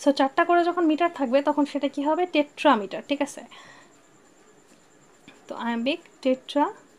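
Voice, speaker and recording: A woman with a Bangladeshi accent and a high voice teaches exam prep. She is patient, reads English lines slowly, and keeps checking that her students follow. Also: a little mellow. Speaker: English literature tutor. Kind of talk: online exam-prep lesson.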